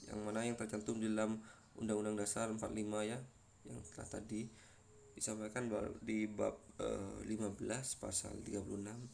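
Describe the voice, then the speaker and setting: A man's voice: lowish voice, flat delivery, a little fast, vocal fry, a little mellow, slight background noise. A man giving a university lecture, explaining step by step with frequent fillers and repeated words.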